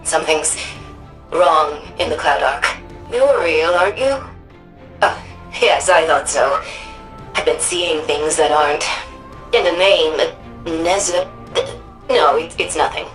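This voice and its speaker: An actress playing an authoritative, wry older female city administrator in a sci-fi game, delivering scripted mission dialogue in a crisp, commanding manner. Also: low voice, slow pace, pauses often, fairly bright tone, soft background music, low-quality recording. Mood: shaken, weary.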